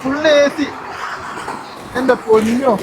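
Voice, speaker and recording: A woman's voice: high-pitched, slow. A woman casually vlogging to viewers, mixing English words into her Malayalam. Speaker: travel vlogger. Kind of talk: casual spoken vlog commentary. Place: outdoors on a trek. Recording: very noisy outdoor trail recording.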